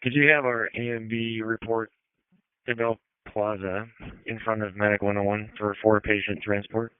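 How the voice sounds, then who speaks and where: A man working as a fire incident commander, giving brisk, procedural commands over a two-way radio. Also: on the low side, little pitch movement, smooth, dry recording. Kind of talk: fire radio dispatch traffic, clipped commands. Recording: narrow-band two-way radio transmission.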